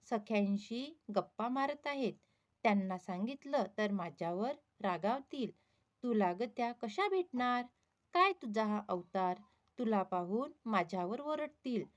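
A woman's voice: medium pitch, muffled recording, close to an everyday voice. A woman voicing an anxious young palace maid who pleads and explains nervously. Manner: pleading, worried.

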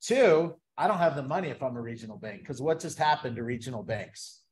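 A man's voice: medium pitch, animated, brisk, darkish tone, breathy edge. A man giving an investment presentation to a live audience, engaging and chatty, constantly asking the crowd questions. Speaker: guest speaker, investment presenter. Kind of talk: interactive sales presentation. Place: event venue with a live audience.

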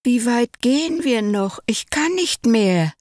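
A woman's voice: a little high, animated, slow pace, a little mellow, dry recording, studio quality, pitched above the performer's own voice. Woman putting on a whiny little puppet. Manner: whiny, hesitant. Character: timid whiny small male puppet.

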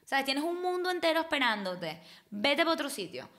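A woman appears as a podcast guest in a casual chat, recorded on a desk microphone in a small studio. Her high-pitched voice is very animated and a bit bright at a moderate pace. She speaks emphatically, gestures a lot, and restarts often.

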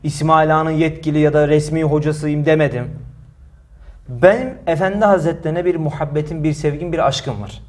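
Loud high-pitched preacher man. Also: steady tone, fairly quick. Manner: forceful, emphatic, rhetorical questions, repeats phrases. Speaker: mosque preacher answering a critic. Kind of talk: heated religious talk, defensive. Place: mosque.

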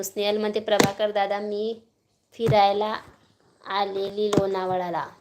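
A woman's voice: mid-range voice, background noise. A woman with a Marathi accent chatting casually on a live stream at home, greeting viewers by name and coaxing a small child.

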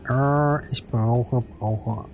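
A man's voice: mid-range voice, steady tone, extremely slow, narrow, tinny audio. A middle-aged man giving casual live let's play commentary, muttering short remarks to himself over game music. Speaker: streamer playing a strategy game. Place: indoor room, webcam stream.

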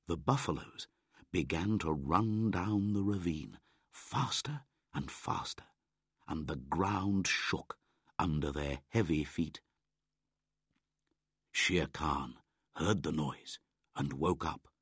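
Brief: deep unhurried man reading a children's classic aloud, husky and careful. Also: a bit bright, no room sound, studio quality. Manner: slow, clear, measured. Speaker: audiobook narrator. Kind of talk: scripted narration of a graded reader.

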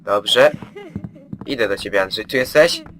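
A man's voice: on the low side, animated, measured pace, a bit bright. A man commenting on his own play of a horror game, joking and chatting to the game's characters in a mock-soothing way. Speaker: gameplay commentator.

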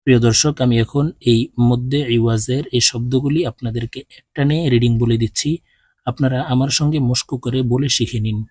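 A man with a Bangladeshi accent teaching Quran reading, spelling out Arabic words letter by letter and drawing out each syllable slowly. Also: medium pitch, steady tone, darkish tone, husky, no room sound, studio quality. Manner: slow drawn-out recitation of each word.

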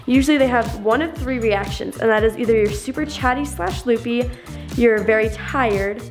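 A woman's voice: a little high, normal speed, faint music behind. A young woman chatting casually to a camera held close in a room. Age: teens to young adult. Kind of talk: casual vlog chat to camera.

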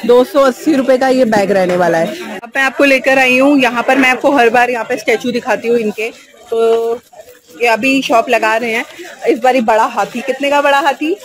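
A woman's voice: on the high side, moderate pace. A woman vlogging through a busy outdoor market, chatting casually with sellers, asking prices and repeating them for viewers. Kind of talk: casual shopping vlog. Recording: loud crowd noise outdoors. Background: market crowd chatter.

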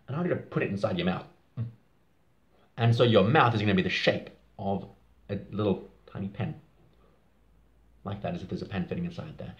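A man teaching a vocal warm-up for children, giving short encouraging prompts and singing examples. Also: mid-range voice, highs cut off.

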